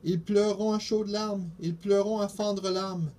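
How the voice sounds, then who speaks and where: A teenage boy voicing Charlot, an excited young schoolboy, in a storybook reading in French. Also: sits high, unhurried, pitched above the performer's own voice. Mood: eager.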